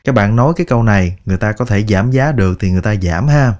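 A man teaching a slow spoken language lesson, patiently repeating example phrases word by word and coaxing his learners along. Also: lowish voice, a little mellow. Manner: friendly, coaxing address to learners. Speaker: English teacher.

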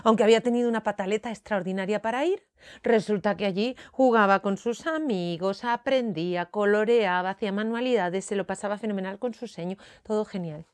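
A woman's voice: medium pitch, a little fast, smooth. Playful storytelling woman. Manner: playful, animated, talks to the child directly. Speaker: children's author and storyteller. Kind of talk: storytelling for children.

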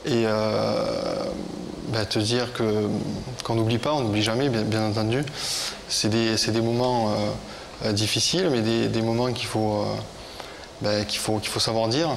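A man in his thirties with a Parisian French accent, talking haltingly and sincerely as a television guest. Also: fairly low pitch, steady tone, gravelly, slight background noise. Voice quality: hesitant speech. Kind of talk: heartfelt unscripted talk. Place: television studio with audience.

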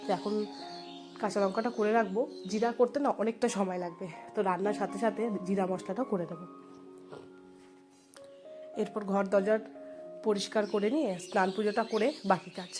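Woman doing a chatty vlog voice-over, nasal and stuffy from a cold, talks fast, faint music behind. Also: mid-range voice, fairly even intonation. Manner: rambling, homely, talks to viewers. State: congested from a cold. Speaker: home vlogger.

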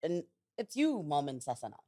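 Deep-voiced South African woman host. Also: big pitch swings, moderate pace. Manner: warm prompting questions, teasing. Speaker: interview host. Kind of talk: casual interview chat.

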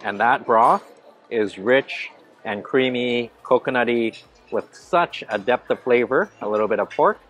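Filming himself handheld at arm's length, a thirty-something food vlogger tours a big indoor hotel buffet and eagerly talks through each dish while eating. His mid-range voice is fairly bright and a little slow, with faint background music, in a relaxed vlog manner.

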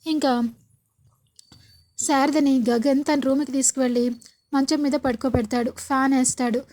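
A woman's voice: sits high, fairly even intonation, moderate pace, darkish tone. A woman retelling a TV serial episode in plain storytelling, reading out every part herself. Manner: plain storytelling with repeated linking phrases. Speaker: narrator.

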